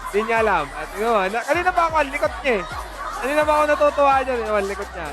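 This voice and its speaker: A woman's voice: on the high side, sing-song, rapid-fire, over a noisy crowd. A woman hosting a livestream game commentary, playful and teasing, laughing often. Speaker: esports stream host. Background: background music.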